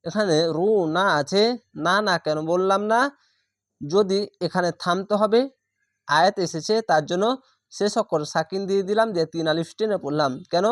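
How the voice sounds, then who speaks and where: A man teaching Quran reading, spelling out each syllable and then chanting every word slowly and drawn out, with patient, repetitive instruction. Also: high-pitched, no room sound, studio quality.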